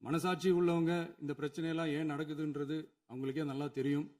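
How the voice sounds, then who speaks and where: A man's voice: a little high, fairly even intonation, brisk, a little mellow. A man, a chief minister, giving an emphatic formal speech in a legislative assembly hall, building his points through repetition.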